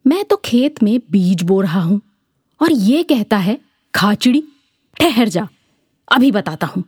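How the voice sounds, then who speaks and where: A woman's voice: medium pitch, sing-song, slow, a little mellow, breathy edge, no echo, clean studio sound, full character voice. A woman voicing an angry farmer who scolds and threatens. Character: angry male farmer sowing seeds.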